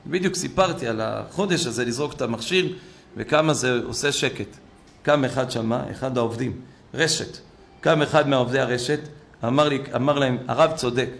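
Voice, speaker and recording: A middle-aged man, a rabbi giving a storytelling sermon in a synagogue, who swings from loud exclamations to hushed asides. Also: mid-range voice, creaky.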